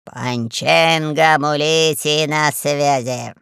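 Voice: medium pitch, fairly even intonation, extremely slow, creaky, fairly bright tone, clean tone, no echo, studio quality, exaggerated voice. Panchengo, a lazy drawling fat space overlord. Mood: lazy menace. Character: fat lazy alien overlord, elder brother.

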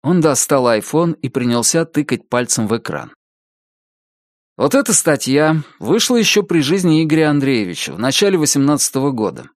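A calm, noncommittal policeman, as a man reads him. He speaks in a measured way with lively intonation. The recording is dry and close. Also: fairly high pitch, no room sound, pitched above the performer's own voice. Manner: measured, evasive. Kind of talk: audiobook character voice.

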